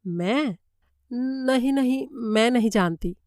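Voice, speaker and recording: A woman's voice: a little high, takes it slowly, a little mellow, no echo, studio quality, voice pushed up. A woman voicing a flustered, earnest German lady's maid in a story reading, pleading and insistent in manner. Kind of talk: audiobook character voice.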